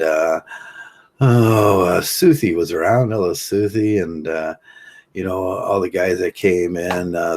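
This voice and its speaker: Low-voiced man rambling on a livestream. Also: darkish tone. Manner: rambling, many fillers and restarts, laughs at own jokes. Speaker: livestream host. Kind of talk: casual livestream monologue.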